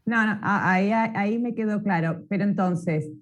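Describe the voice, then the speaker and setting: A woman's voice: medium pitch, normal speed. A woman student in an online class, hesitantly starting to ask the teacher a question.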